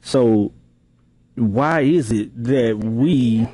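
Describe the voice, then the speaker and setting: A man hosting a call-in radio show, making steady announcements and taking up callers' points. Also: medium pitch, very slow. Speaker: radio talk show host.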